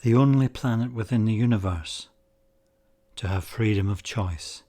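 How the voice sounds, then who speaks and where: A man with a fairly low voice leads a guided meditation. He speaks slowly and calmly, leaving long pauses between his phrases. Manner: slow, calm, measured delivery with long pauses.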